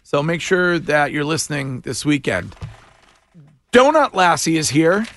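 A man's voice: a little high, very animated, measured pace, a bit bright. A man working as a morning radio host, delivering a contest promo in an announcer-like manner. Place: radio studio.

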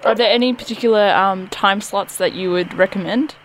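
A woman radio host asking questions in a relaxed, giggly way with lots of fillers. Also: mid-range voice, a little fast, rough recording. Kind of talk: casual interview chat.

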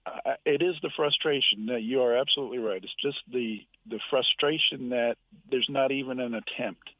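A middle-aged man from West Virginia calling in over the phone, polite and halting, answering with "yes sir". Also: medium pitch, dry recording. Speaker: caller. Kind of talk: call-in radio chat. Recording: tinny phone line.

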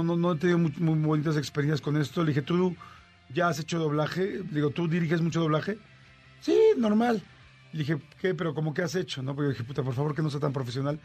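A man with a Mexican Spanish accent, a radio host and voice actor, telling a story in casual chat and acting out the dialogue. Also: on the high side. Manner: animated, acts out dialogue with shifting voices.

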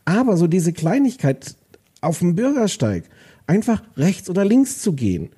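A man's voice: sits high, big pitch swings, normal speed, warm tone, breathy edge. A man co-hosting a podcast, chatting casually over a video call, grumbling about daily annoyances and mimicking other people. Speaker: podcast co-host.

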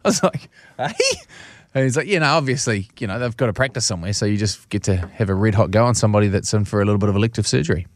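A man's voice: fairly low pitch, rapid-fire, no room sound. A man with a broad New Zealand accent telling personal stories in casual, blokey, slangy chat as a show co-host.

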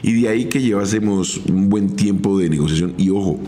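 Deep-voiced Colombian man recounting his past. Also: warm tone. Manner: measured, recounting step by step. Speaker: former footballer telling his career story. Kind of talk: first-person podcast storytelling.

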